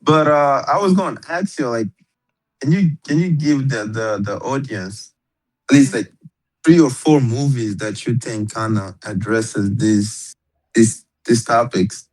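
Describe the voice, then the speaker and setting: A man hosting a podcast in relaxed, slangy banter. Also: medium pitch, unhurried, low-quality recording. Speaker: podcast host. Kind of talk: casual banter.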